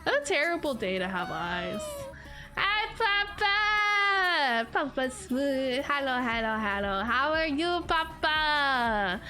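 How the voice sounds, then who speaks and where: A young woman streamer with a high voice, big pitch swings and a sharp tone speaks slowly over soft background music. Stuffy and congested from allergies, she reads comments and chats casually with viewers, giggling and rambling with plenty of "like"s.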